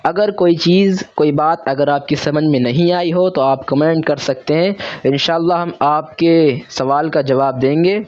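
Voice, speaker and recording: A man's voice: on the high side, unhurried, darkish tone, muffled recording. A man teaching a reading lesson, patiently sounding out letters and syllables and asking and answering his own questions. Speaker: Urdu teacher.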